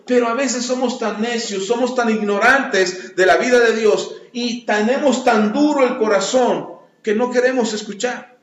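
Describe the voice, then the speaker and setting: High-voiced pastor in an echoey hall. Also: male voice. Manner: emphatic preaching, rising loud on key words then dropping low and soft. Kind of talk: sermon. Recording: echoey, dull lo-fi sound.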